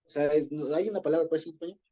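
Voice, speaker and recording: A man's voice: fairly high pitch, racing, dark tone. A man leading an informal group Bible study, explaining Hebrew words in a conversational way and often rephrasing himself.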